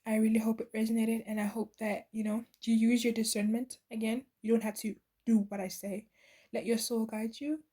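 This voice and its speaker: A woman's voice: fairly high pitch, level tone, fairly quick, warm tone, husky. A woman giving a channeled tarot reading to her viewers, earnest and meandering, with many fillers and restarts. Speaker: tarot reader.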